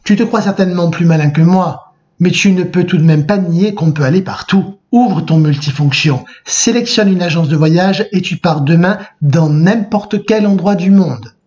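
A man reading aloud the lines of a calm, persuasive young woman from a novel. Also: high voice, normal speed, lightly acted. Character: young woman, Kate, defending her orderly world. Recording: muffled lo-fi recording.

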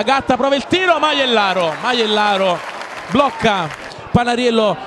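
A man giving breathless goal commentary live on a football match, shouting excitedly and repeating players' names. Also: very high voice. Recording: loud stadium crowd noise behind commentary. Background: cheering football stadium crowd.

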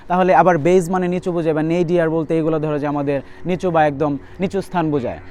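A young man teaching vocabulary for admission tests, repeating word lists quickly as a tutor. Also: a little high, fairly even intonation, darkish tone. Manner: rapid, repetitive drilling of word lists. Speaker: English tutor. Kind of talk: admission test vocabulary lesson.

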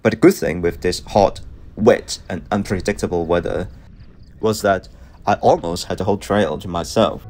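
A middle-aged man, giving a measured, reflective scripted voice-over for a running vlog. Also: sits low, darkish tone. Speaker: running vlogger. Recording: music behind the voice. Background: background music.

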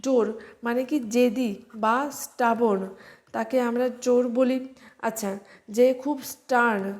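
A woman teacher leads an online vocabulary lesson in a fairly high voice that stays flat. She talks slowly, spells words out letter by letter and fills her pauses with a soft "ah".

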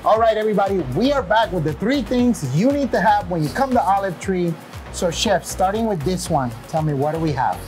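A man in his forties hosting a restaurant show in a small kitchen, talking in a casual, energetic way. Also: sits high, a little fast, poor audio. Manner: casual and energetic, with short affirmations. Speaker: show host. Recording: background music.

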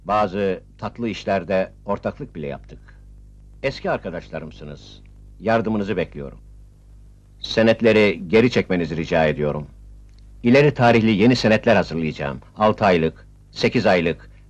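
A man's voice: low-pitched, lively intonation, a little slow. An actor playing a desperate male businessman who formally pleads with his old partners for more time to pay. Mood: pleading. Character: desperate middle-aged businessman pleading with creditors. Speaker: businessman character.

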